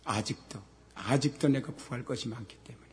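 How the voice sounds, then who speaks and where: A middle-aged pastor preaches a sermon, going from quiet talk to shouted scripture and answering the questions he asks. His pitch is medium and his pace a little fast, with long hall reverb on the recording.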